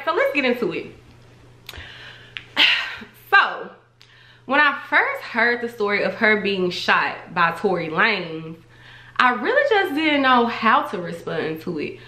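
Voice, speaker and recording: A woman's voice: on the high side, sharp tone, roomy sound. A young woman, giving her opinion in a chatty, emphatic vlog and repeating herself for stress. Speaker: vlogger.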